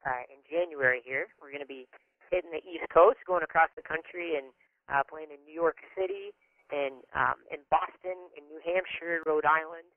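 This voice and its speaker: A man in his twenties from Nebraska, a band member chatting relaxed and friendly in a phone interview, with many fillers. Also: a little high, no echo. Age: 20s. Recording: tinny phone line.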